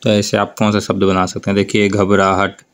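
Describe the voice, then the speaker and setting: A man teaching a grammar lesson for board exams, explaining slowly and over and over telling students to look and answer. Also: fairly low pitch, monotone, clear, resonant tone. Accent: North Indian Hindi. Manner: slow, drawn-out explanation with repeated prompts to look.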